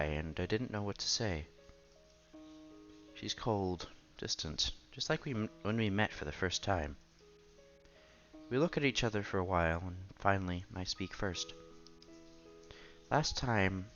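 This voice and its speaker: This man has a deep, fairly bright voice, and the recording sounds dull. As a channel host, he reads a visual novel aloud as narrator and lead, occasionally stumbling over words and going back to reread them. Background music plays throughout.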